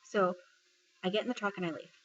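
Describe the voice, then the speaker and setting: A woman's voice: mid-range voice, brisk, a bit bright, lo-fi sound, a little hiss or hum. A woman from Texas, a military service member retelling a personal story in a casual vlog, full of fillers and quoting what others said. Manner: conversational retelling, filler-heavy, quotes others' words.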